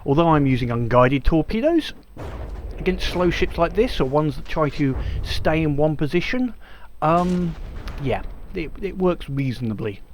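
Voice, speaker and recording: A man's voice: fairly high pitch, animated, unhurried, slight background noise. A man giving casual let's-play commentary, chatty and hesitant with many ums and restarts. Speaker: gameplay commentator.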